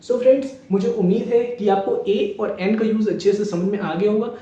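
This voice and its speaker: A man's voice: sits high, fairly quick, dark tone. A male teacher giving a grammar lesson, explaining each example through repeated questions and answers. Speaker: English teacher. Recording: echoey, distant, dull room sound.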